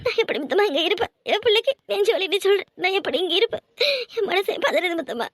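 A woman's voice: extremely high pitch, lively intonation, fast, no echo, studio quality. A woman with a southern Tamil Nadu accent voicing an anxious older village mother who pleads and laments. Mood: anguished. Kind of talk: cartoon voice acting.

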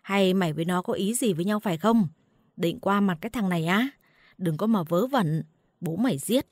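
A woman's voice: on the low side, normal speed, a little mellow, no echo, studio quality, close to an everyday voice. Woman reading as a harsh, abusive husband. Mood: accusing. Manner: harsh, scolding. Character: angry opium-addicted husband, abusive, suspicious.

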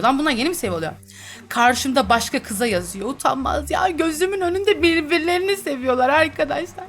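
A woman's voice: high voice, fairly bright tone. A young woman chatting and teasing through a role-play game, laughing often as she comments. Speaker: gaming YouTuber.

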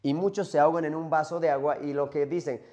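A man's voice: on the high side, fairly even intonation, fast, darkish tone. A man teaching a literature class, asking his students questions as he lectures. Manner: asks students questions, calls them "hija".

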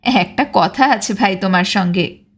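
A woman's voice: mid-range voice, unhurried, pitched below the performer's own voice. A woman voicing a bold, teasing village woman who calls out in a coaxing, familiar way in a storybook reading.

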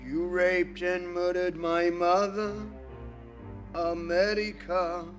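Brief: a man doing an overwrought avenging son, fake English accent, slow and declamatory. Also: sits high, flat delivery, faint music behind. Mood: defiant. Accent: put-on English. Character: enraged melodramatic young adult son. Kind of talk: comedy sketch acting.

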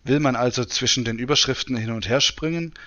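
A man presenting a software demonstration in tutorial narration. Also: medium pitch, brisk, lo-fi sound. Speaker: presenter demonstrating screen reader.

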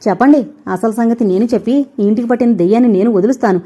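A woman's voice: on the high side, natural voice. A woman voicing a furious defiant daughter-in-law. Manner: shouting, rapid, relentless.

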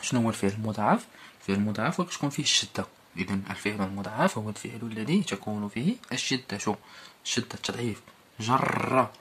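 A man with a Moroccan accent teaching a primary school Arabic lesson, explaining and repeating each word form slowly. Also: fairly low pitch, fairly bright tone, slight background noise.

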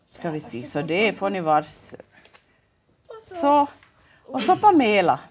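A woman with a Finland Swedish accent hosts a children's TV show in a local studio, her mid-range voice swooping wildly in pitch. She coaxes the kids with cheerful, sing-song questions.

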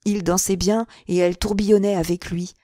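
Close to the microphone in a dry recording, a woman with a medium pitch narrates a classic novel for an audiobook, keeping her delivery clear, measured and expressive.

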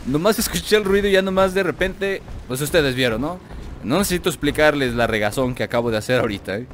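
A man with a Mexican accent gives let's play commentary, joking and chatting to himself and his viewers. His pitch swings widely, and steady noise sits under the recording. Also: fast. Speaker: gaming video host.

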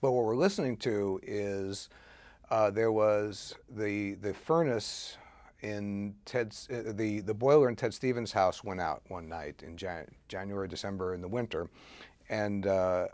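A man giving a detailed, deliberate explanation as an interview guest, often pausing and restarting. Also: fairly low pitch, darkish tone, no room sound.

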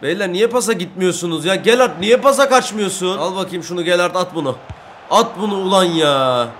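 A young man giving excited Let's Play commentary over a football video game, breaking into loud shouts and trash talk at the players. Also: high-pitched, brisk, slight background noise. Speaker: gaming YouTuber.

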